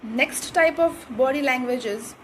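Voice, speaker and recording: A woman teaches communication skills in a high, clear register. She hammers home each point and keeps checking in with her listeners. A faint hum of ambience sits behind her voice. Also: unhurried, poor audio. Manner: didactic, repeats points with "right?" and "okay". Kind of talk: instructional talk to camera.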